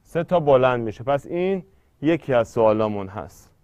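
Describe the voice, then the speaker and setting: A man's voice: medium pitch, expressive, darkish tone, lo-fi sound, a little hiss or hum. A man teaching an exam-prep poetry lesson, explaining step by step and drawing out syllables when he scans verse.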